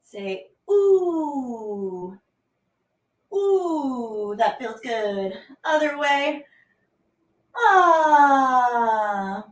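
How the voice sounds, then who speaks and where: A teaching artist leads children through a movement warm-up, playful and exclaiming, stretching out her words as she gives simple instructions. Her high voice swings widely in pitch, very slow with long pauses, recorded distant from the mic with roomy echo.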